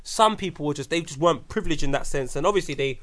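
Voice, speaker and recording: A man's voice: a little high, quick pace, a bit bright. A man with a London roadman accent chatting casually in street slang. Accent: London, urban street slang style. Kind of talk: casual group chat.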